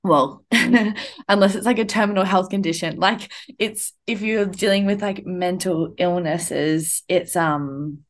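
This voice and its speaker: A young woman with a rather low voice hosts a casual podcast conversation at a measured pace. She reflects as she talks, peppering her speech with plenty of "like" and "um."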